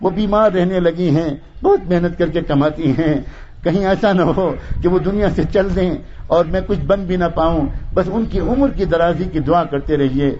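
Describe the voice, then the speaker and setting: A man's voice: high-pitched, darkish tone, slight background noise, close to an everyday voice. A man voicing a young orphan boy who longs for his mother, speaking in a pleading, heartfelt way. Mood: earnest. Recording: dull lo-fi recording.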